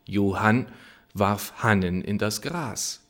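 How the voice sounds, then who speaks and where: Man reciting a verse fable slowly. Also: lowish voice. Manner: slow, expressive theatrical reading. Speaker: reader.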